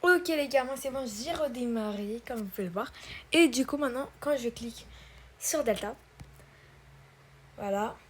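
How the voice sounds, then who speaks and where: A woman's voice: on the high side, moderate pace, pauses often, a little hiss or hum. A woman hosting a casual tutorial, talking hesitantly with many fillers and restarts. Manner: addresses viewers as "guys" and "brothers". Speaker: tutorial host. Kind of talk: casual screen-recorded tutorial.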